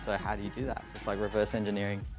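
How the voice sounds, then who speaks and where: A man's voice: on the low side, flat delivery, rapid-fire, over music. A friendly, upbeat man from Australia with an Australian accent, chatting casually in a vlog and giving a motivational talk as a design speaker. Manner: friendly, upbeat, chuckles often.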